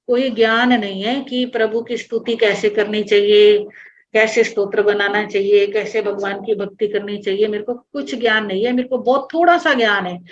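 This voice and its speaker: Woman, religious teacher, patient line-by-line explanation, higher voice, dull lo-fi online class audio. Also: slight background noise.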